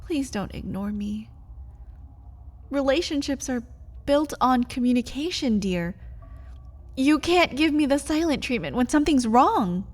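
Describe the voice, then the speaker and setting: A woman's voice: sits high, lively intonation, unhurried, long pauses. A woman voicing a clingy, pleading young vampire-bitten lover in a whispered role-play, full of doting endearments.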